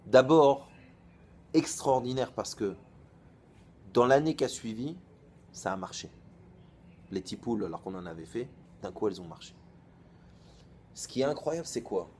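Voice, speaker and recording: A man in his thirties, a rabbi giving an informal storytelling sermon in a colloquial, lively way, acting out both sides of the conversations he recounts. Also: medium pitch, measured pace, long pauses, a little hiss or hum.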